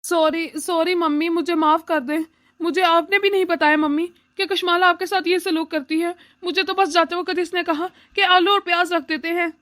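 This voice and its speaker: A woman's voice: very high voice, steady tone, normal speed, fairly bright tone. A woman playing an earnest grown son in a cartoon. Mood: apologetic. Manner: earnest, outraged. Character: grown son and brother, earnest, hot-tempered then apologetic. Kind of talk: cartoon voice acting.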